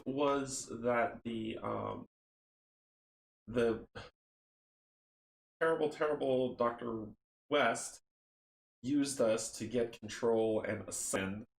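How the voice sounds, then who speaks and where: A man casually chatting and reading a horror board game story aloud, relaxed and rambling. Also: medium pitch, creaky, slight background noise. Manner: relaxed, rambling, laughs at own slips. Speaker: tabletop game player and narrator. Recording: roomy echo.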